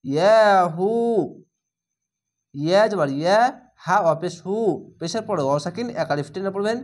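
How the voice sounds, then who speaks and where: A high-voiced man with a Bangladeshi accent gives a Quran reading lesson. He spells out each letter and vowel mark aloud, then chants the full word slowly and drawn out.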